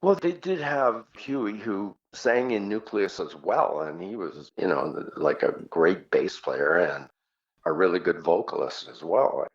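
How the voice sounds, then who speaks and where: This interview guest, a rock singer, reminisces casually and acts out quick quotes while telling stories. His low-pitched voice is animated but a little slow, and the recording is muffled and dull.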